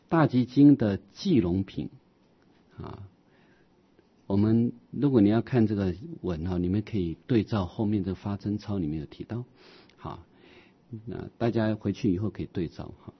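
Husky-voiced man giving a Buddhist sermon. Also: fairly low pitch, muffled recording. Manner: frequent drawn-out "ah" fillers, rhetorical questions. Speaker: Buddhist dharma teacher. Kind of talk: explanatory sermon on scripture.

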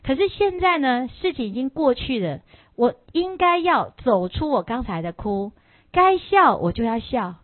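A woman giving a lively Buddhist dharma talk, telling a story and firing questions at her listeners. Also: high voice, moderate pace, dry recording. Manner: animated, rhetorical questions to the audience. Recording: tinny lo-fi, dry.

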